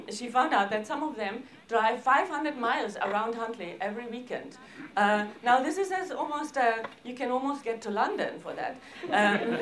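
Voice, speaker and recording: Presenting her arts organisation's projects with slides at a seminar, a director from Austria speaks in a fairly high voice. She is informal and halting, hesitating often and leaving sentences broken off.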